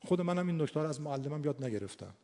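A Persian-speaking man who teaches Quran recitation and phonetics gives an informal lecture on vowel sounds, demonstrating them aloud slowly and stretching them out. His voice is fairly high, animated and dark in tone, with a long reverb tail.

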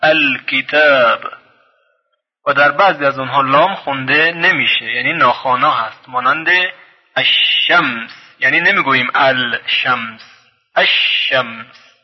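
A man teaching a recorded lesson on reading the Quran. He draws out each example word slowly, then explains briskly. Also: medium pitch, breathy edge. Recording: dull lo-fi sound with long reverb.

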